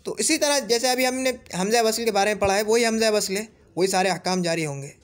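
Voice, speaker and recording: High-voiced man teaching Arabic grammar. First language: Urdu. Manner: repeats example words slowly, asks "theek hai?". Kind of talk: explaining a grammar lesson.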